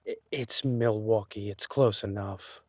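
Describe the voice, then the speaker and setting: A man playing an insecure, lovesick thief boyfriend in a romantic audio role-play, speaking haltingly and tenderly. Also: fairly low pitch, fairly even intonation, a little mellow, no echo. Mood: wistful, gentle. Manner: hesitant, halting, sighing delivery.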